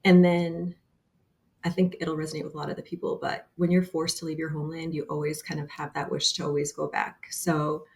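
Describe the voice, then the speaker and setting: A low-voiced woman in her thirties from Bosnia and Herzegovina joins a casual interview as a guest over a remote call, her Bosnian accent and gravelly fry clear. She speaks earnestly but flatly, with a slightly mellow quality, pausing on fillers. A little hiss or hum sits under the recording.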